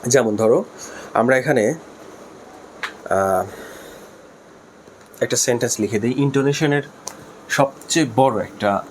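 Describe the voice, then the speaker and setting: A man with a Bangladeshi accent who teaches a linguistics lesson, explaining slowly, repeating key terms, spelling words aloud and mixing in English terms. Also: medium pitch, a little hiss or hum. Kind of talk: spoken lesson.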